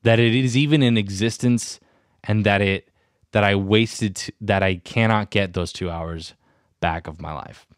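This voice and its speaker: A young man with a low voice hosts a solo podcast and rambles from thought to thought. He puts himself down and sounds restless. The recording is dry and close to the mic. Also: measured pace, clean tone, no echo. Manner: self-deprecating, rambling, restless. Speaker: podcast host. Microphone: studio mic with headphones.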